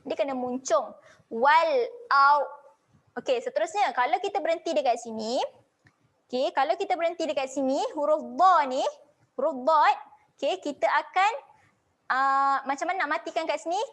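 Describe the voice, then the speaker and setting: A Malaysian woman teaching Quran recitation in an online class over a video call, patiently explaining each sound step by step and chanting slow, drawn-out model readings. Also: high voice, fairly bright tone.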